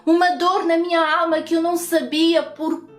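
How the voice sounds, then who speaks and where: A woman's voice: very high-pitched, little pitch movement, moderate pace, reverberant, faint music behind. A woman with a European Portuguese accent giving a personal faith testimony, earnest and repetitive, often ending with tag questions.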